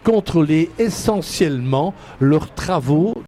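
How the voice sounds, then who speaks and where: An animated radio host from Liège speaks slowly in a fairly high-pitched voice with a dark tone, interviewing a guest at a windy outdoor event. Chatty and given to restarts, he has a Liège Belgian French accent. His headset recording carries a little hiss or hum.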